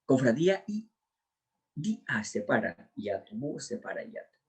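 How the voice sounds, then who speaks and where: Male lecturer, husky voice, methodical step-by-step explanation. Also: mid-range voice, big pitch swings, a little slow, darkish tone. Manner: drilling, walks through answers step by step. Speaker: teacher. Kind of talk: exam prep lecture.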